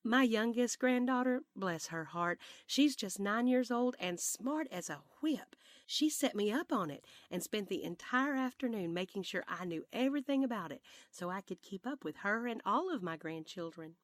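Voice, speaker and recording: A woman voicing a spirited, sweet elderly grandmother with a Southern accent, speaking in a lively, drawn-out, sing-song way. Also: medium pitch, no room sound, clean studio sound, voice pushed up, close to an everyday voice. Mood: cheerful. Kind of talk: audiobook character voice.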